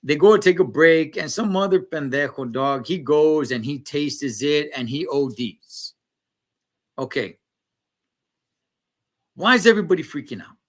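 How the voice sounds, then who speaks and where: Animated man recapping a show in slang. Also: on the high side, measured pace, pauses often. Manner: slangy, animated, talks to chat. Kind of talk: casual live-stream episode recap.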